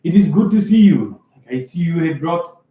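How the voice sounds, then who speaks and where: A man's voice: lively intonation, moderate pace, mellow, close to an everyday voice. Man putting on a formal African-accented chief. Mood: welcoming. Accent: vaguely African. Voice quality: deep-voiced, formal. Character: big buff male hall leader, welcoming. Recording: echoey room, distant mic, noise.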